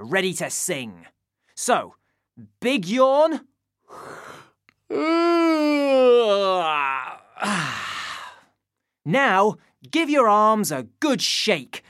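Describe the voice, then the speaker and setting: Female music presenter for children, unhurried and animated, dry studio read. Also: medium pitch, no room sound. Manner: slow, lively, sing-song instructions to children. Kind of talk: school radio singing lesson.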